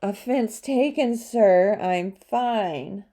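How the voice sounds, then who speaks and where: A woman's voice: mid-range voice, extremely slow, warm tone. A woman reading a defiant, foul-mouthed young vampire woman in an audiobook, speaking sarcastically.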